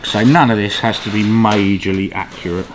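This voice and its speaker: A middle-aged workshop mechanic with a very low, steady voice talks at normal speed while demonstrating metal fabrication in a casual, hands-on tutorial. His manner is offhand, and he often ends sentences with tag questions. He is indoors in a large garage workshop with clear background noise.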